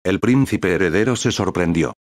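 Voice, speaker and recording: A male audiobook narrator with a very low voice and a steady, even delivery. The sound is close and completely dry. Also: moderate pace, no echo.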